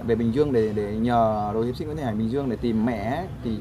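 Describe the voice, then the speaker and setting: A man interviewing a young child outdoors, asking gentle, simple questions. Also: medium pitch, fairly even intonation, quick pace, noisy background. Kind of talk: street interview. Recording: loud crowd behind.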